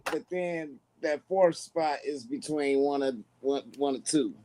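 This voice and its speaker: A man's voice: on the high side, measured pace, dark tone. A man co-hosting a casual podcast chat in an easygoing way. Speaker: podcast co-host.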